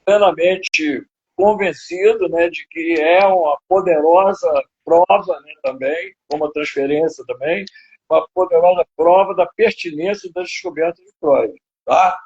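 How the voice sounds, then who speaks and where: A man's voice: fairly high pitch, a little slow, darkish tone, breathy edge. An older man with a Brazilian Portuguese accent, a psychoanalyst lecturing in a live video interview, rambling with many fillers and tag questions. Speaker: psychoanalyst guest. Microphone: video call. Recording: dull lo-fi web stream audio.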